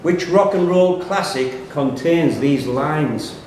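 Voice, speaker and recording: In a very echoey pub quiz room, caught on a distant mic with faint noise, a quiz master reads out questions and rules on answers live. His voice sits on the high side with a darkish tone, and he takes his time.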